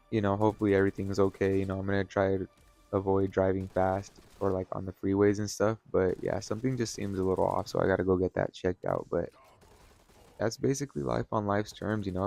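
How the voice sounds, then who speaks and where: Burnt out dude rambling about his day, kinda low and gravelly, laid back. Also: dry recording. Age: adult, has kids and a wife. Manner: laid-back, rambling, swears casually, many fillers. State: tired, burnt out. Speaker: vlogger. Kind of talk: casual vlog monologue over gameplay. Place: at home, sitting in a chair.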